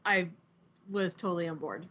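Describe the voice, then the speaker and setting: A woman's voice: on the low side, normal speed, a bit bright, dull audio, slight background noise. A woman co-hosting a podcast in casual chat, speaking thoughtfully and with enthusiasm.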